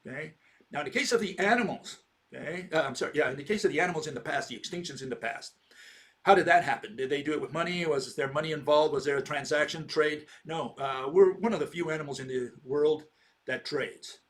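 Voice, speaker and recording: A man's voice: a little high, fast. A man in his sixties giving a rambling informal lecture, posing rhetorical questions and checking in with "okay?". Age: 60s.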